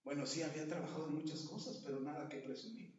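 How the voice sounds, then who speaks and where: A man preaching a sermon, acting out dialogue and rising to loud emphatic peaks. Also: on the high side, lively intonation, quick pace. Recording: far from mic in an echoey hall, dull sound.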